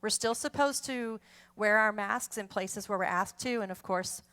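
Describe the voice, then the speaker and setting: A woman's voice: medium pitch, normal speed, a bit bright. A woman, chatting in a rambling way between polka songs as the host of a music show. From Texas. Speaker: polka band musician hosting an online show. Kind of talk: casual chat between songs.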